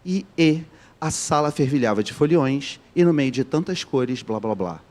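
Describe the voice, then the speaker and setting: Man, Carioca accent, teacher, live online class, jokey, keeps asking the students questions, mid-pitched voice. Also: lively intonation, normal speed, darkish tone. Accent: Carioca Brazilian Portuguese. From Rio de Janeiro, Brazil. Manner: joking, keeps quizzing the students.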